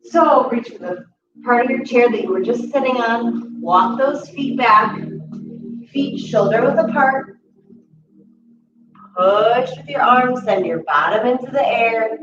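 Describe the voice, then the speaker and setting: A young adult woman guiding a chair yoga class, calmly cueing each step and slowing down to hold the poses. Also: fairly high pitch, music in the background. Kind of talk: guided exercise instruction. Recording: distant, roomy, dull audio with steady background noise.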